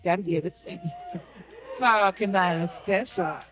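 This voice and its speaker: A woman's voice: on the low side, slow, a bit bright. A woman co-hosting a talk show who chats in a playful, bubbly way. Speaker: co-host.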